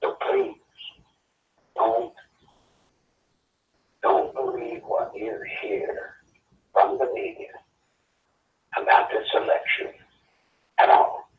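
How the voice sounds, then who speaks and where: A man's voice: extremely high pitch, wildly swooping pitch, slow, creaky, pauses often, distant mic. Man on a tinny speakerphone. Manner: earnest, pleading, urgent. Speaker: guest caller. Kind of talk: casual talk. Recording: tinny phone line on speaker, roomy, faint noise.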